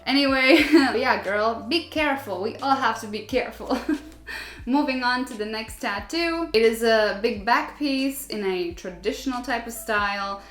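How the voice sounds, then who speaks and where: Reading viewer stories aloud in a relaxed, chatty way, a young non-native English-speaking vlogger often laughs and relates to what she reads. Her voice is on the high side, a bit bright and a little slow, with reverberant acoustics.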